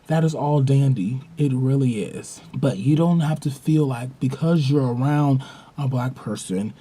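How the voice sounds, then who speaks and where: A man's voice: medium pitch, dark tone, breathy edge. A young man hosting his own vlog, talking casually to the camera and telling stories with emphasis. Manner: emphatic, storytelling with acted-out quotes. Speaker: vlog host.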